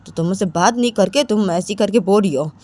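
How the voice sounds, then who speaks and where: Calm young woman, level and reasoning, a touch defensive, read by a woman. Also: medium pitch, a little fast, close to an everyday voice. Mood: explaining.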